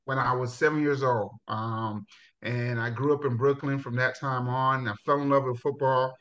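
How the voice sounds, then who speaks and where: A high school football coach from Jamaica, middle-aged, shares the story of his life during an easygoing interview, punctuated by laughs and restarts. His speed is normal, and the sound quality is dull and lo-fi.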